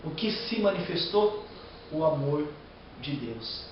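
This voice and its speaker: A man's voice: on the high side, expressive, slow, heavy reverb, recorded from a distance, lo-fi sound, slight background noise. A man preaching a sermon with a Brazilian Portuguese accent, reading scripture aloud and breaking into emotional, rising outbursts.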